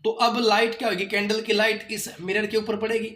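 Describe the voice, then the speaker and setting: A male science teacher explaining a lesson, reading textbook lines slowly and asking the children repeated questions. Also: high voice, little pitch movement, a bit bright, echoey room.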